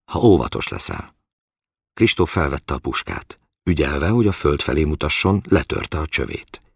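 A man narrating a story in an extremely deep, gravelly voice. His reading is calm and measured, a little husky, and the recording is close and dry with no room sound. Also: no echo.

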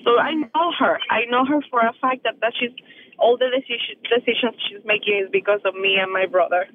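A woman talking over the phone about family worries, anxious and rambling, often halting mid-sentence. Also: a little high, fairly even intonation, slight background noise. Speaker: interviewee, family member. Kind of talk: emotional phone conversation. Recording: tinny phone line.

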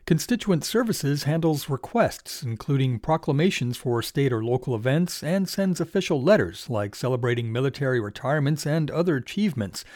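A man's voice: a little high, a little mellow, dry recording, studio quality. A man working as a radio reporter, reading a scripted news report.

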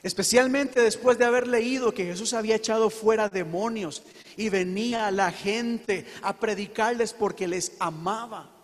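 Man, pastor, emphatic sermon, dramatic pauses, high-pitched, long reverb. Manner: earnest, emphatic preaching with slow dramatic pauses.

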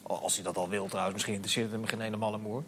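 A man's voice: fairly low pitch, fairly even intonation, very fast, creaky, a bit bright, a little hiss or hum. A man giving blunt, emphatic opinions as a football pundit in a casual studio discussion.

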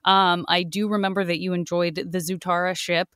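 A woman's voice: lowish voice, level tone, normal speed, fairly bright tone, clear, resonant tone, no room sound, studio quality. A woman from Arizona co-hosting a podcast, chatty and enthusiastic, laughing easily as she talks. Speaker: podcast co-host. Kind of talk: casual podcast chat.

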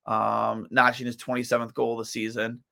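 A man's voice: mid-range voice, monotone, moderate pace, vocal fry, bright, forceful tone. A tired man hosting a solo sports podcast, rambling through his thoughts with lots of fillers and restarts. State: tired, yawning.

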